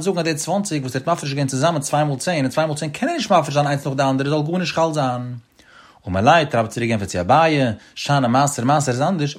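Guy going through talmud in a lesson, husky voice, that up and down study singsong. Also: medium pitch. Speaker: Talmud teacher.

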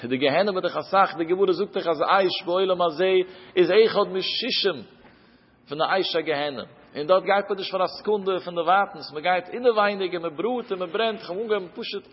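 A man's voice: high voice, a little fast, slightly rough. A man giving a religious sermon, telling stories with emphatic swings of his voice. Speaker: preacher. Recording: reverberant, dull lo-fi recording.

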